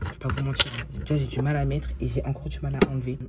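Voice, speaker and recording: A woman's voice: very deep voice, flat delivery, racing, heavy background noise. A young woman vlogging in a casual, chatty way, tired, swearing often and dropping English phrases into her talk. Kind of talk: casual vlog chat.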